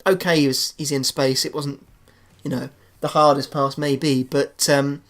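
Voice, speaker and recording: Casting: male gaming YouTuber, mid-pitched, chatty play-by-play that swings from murmured to shouted. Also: unhurried. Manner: excitable, shouts goals then drops to a low murmur. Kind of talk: live commentary over a football video game.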